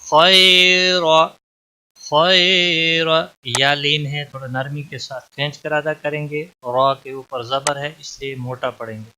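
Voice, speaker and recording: A man teaching Quran recitation rules, chanting each phrase slowly and drawn out, then explaining in plain spoken instruction. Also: medium pitch, level tone, sharp tone, a little hiss or hum. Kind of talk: tajweed lesson, chanted examples then explanations.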